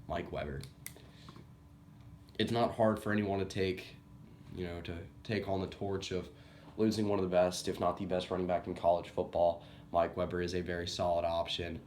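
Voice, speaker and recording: A man's voice: deep voice, a little mellow, a little hiss or hum. A young man who is sick, giving a casual, rambling college football team preview on his channel and correcting himself as he goes. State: sick, coughing. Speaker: sports YouTuber.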